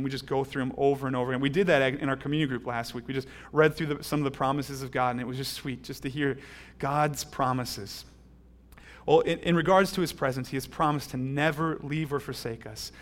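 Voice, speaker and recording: A man preaching a sermon as a pastor, animated and acting out quoted voices. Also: on the high side.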